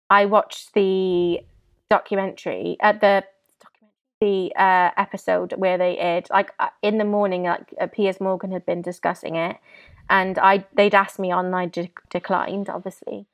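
A woman, talking candidly as an interview guest, halting and full of restarts, tearful at times. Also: medium pitch, no room sound.

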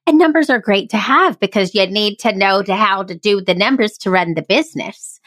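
A woman's voice: medium pitch, moderate pace, a bit bright, no echo, clean studio sound. Eager woman podcast host. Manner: eager, affirming interviewer. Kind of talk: casual interview chat.

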